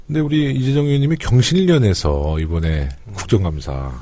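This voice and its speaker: A middle-aged man hosting a casual political talk podcast, chatty and quick in back-and-forth. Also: fairly low pitch, mellow, slight background noise. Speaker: podcast host.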